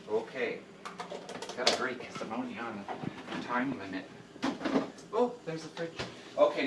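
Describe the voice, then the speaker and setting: This casual, chatty cooking vlog features a man talking while he cooks at home, rambling, self-deprecating and quick to laugh. His mid-range voice is picked up by a camera mic across the kitchen, giving an echoey sound with constant background noise.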